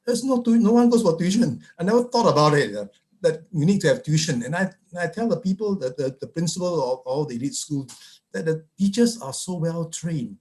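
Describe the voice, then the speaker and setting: A man from Malaysia, a psychiatrist on a webinar panel, firing off rhetorical questions with halting restarts over a video call. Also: fairly high pitch, animated, darkish tone.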